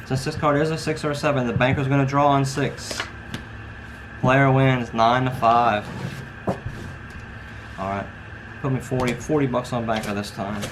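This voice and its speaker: Casting: male casino croupier type, clipped table calls with casual instructional asides, clear ambient noise. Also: mid-range voice, fairly even intonation, quick pace, hardly any pauses. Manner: calls out hands in clipped dealer phrases. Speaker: instructor demonstrating card dealing. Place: at a card table beside a brick wall and door. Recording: noisy, with ambient background sound.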